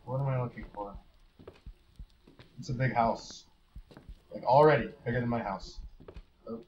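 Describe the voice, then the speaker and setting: Talking a little slowly in a medium-pitched, slightly mellow voice, a man mutters wry remarks while he plays a horror game, thinking aloud in casual let's play style. A faint hiss comes through the slightly dull lo-fi microphone.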